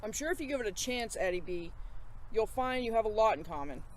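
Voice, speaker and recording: A woman reads as a storybook mother, gentle yet firm, coaxing and reasoning in a middle-pitched voice. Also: lively intonation, brisk, slight background noise, close to an everyday voice, rough recording. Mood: patient, firm. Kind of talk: storybook character reading.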